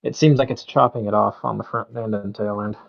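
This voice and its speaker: A man in casual voice-call chat as a tabletop game player, relaxed and hesitant, adding spoken sound effects. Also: on the low side, a little fast, vocal fry. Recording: dull lo-fi mic.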